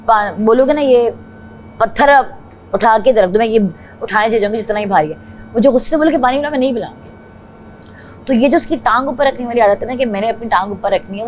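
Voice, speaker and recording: Higher-voiced woman venting. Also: darkish tone, a little hiss or hum, rough recording. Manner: complaining, mixes in English words. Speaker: reality show contestant. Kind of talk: heated casual venting. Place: reality show house, indoors.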